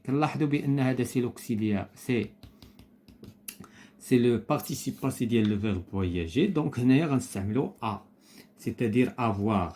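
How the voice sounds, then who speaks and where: A man's voice: mid-range voice, mellow. Moroccan man teaching a lesson. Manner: switches between Moroccan Arabic and slow, deliberate French. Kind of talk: lesson explanation.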